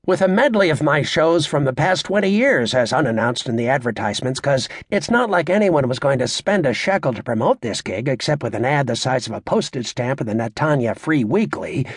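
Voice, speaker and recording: In an audiobook, a man voices a brash, crude stand-up comic working a club audience, his raspy, medium-pitched voice cocky, sarcastic, showy and needling. The recording is dry and studio-clean.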